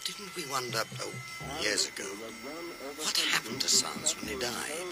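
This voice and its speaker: An actor playing a dreamy, philosophical spaceman in a radio drama, hushed and musing. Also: mid-range voice, animated, a little slow, gravelly, over loud music. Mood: dreamy wonder.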